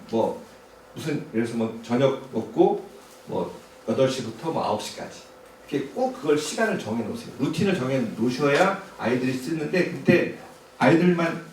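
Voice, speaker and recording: A middle-aged man giving a conversational public lecture to parents, often asking the audience rhetorical questions. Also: mid-range voice. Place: lecture hall. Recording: very echoey hall, distant mic, faint noise.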